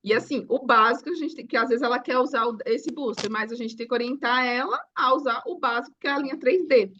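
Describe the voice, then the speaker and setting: Quick bright woman on muffled audio. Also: fairly high pitch. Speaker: sales consultant asking a question. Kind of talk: casual question in a discussion.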